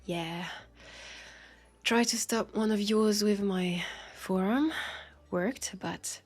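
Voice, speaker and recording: In an intimate audio roleplay, a French-accented woman voices a wry detective who is a centuries-old vampire. She talks at medium pitch in a husky, creaky tone, taking her time conversationally, pausing and sighing along the way.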